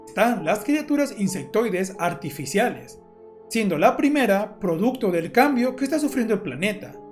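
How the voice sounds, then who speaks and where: The host and narrator of a horror analysis channel presents a scripted video essay, explaining things in a storytelling style. The voice is medium-pitched and a little mellow.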